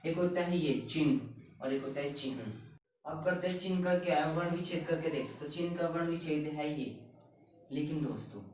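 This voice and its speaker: Man teaching, slightly high voice, keeps asking and answering himself, very echoey room, distant mic. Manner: repetitive, keeps asking and answering his own questions. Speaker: Hindi grammar teacher. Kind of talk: classroom lesson explaining spelling.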